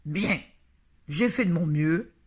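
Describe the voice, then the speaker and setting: A woman voicing an old grandmother who speaks patiently and deliberately. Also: on the low side, animated, slightly rough, full character voice. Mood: resigned. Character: old grandmother, calm and firm.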